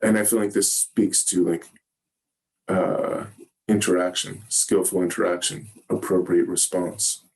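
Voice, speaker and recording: Zen teacher, male, lowish voice; gentle, halting dharma-talk delivery with many pauses. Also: flat delivery, gravelly. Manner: gentle, halting, searching for words. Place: meditation hall.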